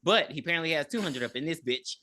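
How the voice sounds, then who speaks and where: A woman in her thirties retells a movie's plot for a podcast with lots of swearing and acted-out lines. Her voice swings widely in pitch. Her tone is bright. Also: fast. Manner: animated storytelling with acted-out quotes. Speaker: podcast co-host recapping a movie. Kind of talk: casual chat, profane and joking.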